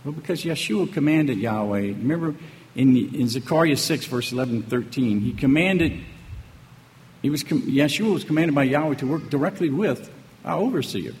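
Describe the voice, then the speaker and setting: Animated preacher man in an echoey hall. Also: mid-range voice, moderate pace. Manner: emphatic, rhetorical questions, frequent "okay?" and "right?". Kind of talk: sermon. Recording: echoey hall with faint ambient noise.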